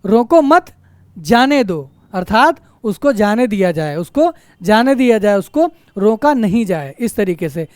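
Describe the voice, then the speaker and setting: A man with a fairly high voice teaches Hindi grammar in an exam-prep lecture. He poses question after question and answers each one, often adding a quick "right?" and repeating the main point. The sound is dry and close, with no room echo. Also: very animated, darkish tone. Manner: asks rhetorical questions and answers them himself; keeps checking in with "right?".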